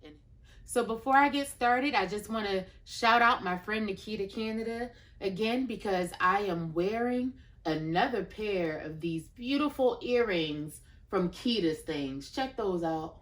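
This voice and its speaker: A woman's voice: medium pitch, lively intonation, unhurried, fairly bright tone. A woman in her thirties hosting a children's storytime, chatting directly to her young viewers. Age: 30s. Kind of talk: chatty introduction addressed to children.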